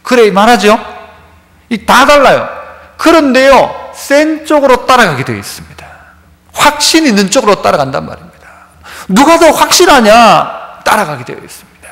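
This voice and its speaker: A man's voice: very high voice, very animated, normal speed, a bit bright, in a large hall. A man with a Gyeongsang Korean accent, a pastor preaching a sermon in a church, who acts out everyday dialogues in a casual voice. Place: church sanctuary.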